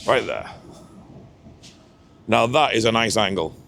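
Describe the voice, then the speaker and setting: A man's voice: fairly low pitch, animated, slow pace, vocal fry, a bit bright, slight background noise. A man vlogging outdoors beside a canal lock, chatting loosely and laughing at himself as he walks and films on a handheld camera. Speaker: ship-watching vlogger. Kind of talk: casual on-location commentary.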